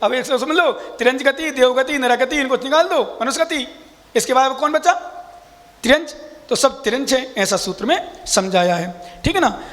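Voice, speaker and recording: High-voiced monk teaching scripture. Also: male voice, animated, a bit bright, in a large hall. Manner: explains step by step, quizzes listeners, chants sutras slowly. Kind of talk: scripture class lecture.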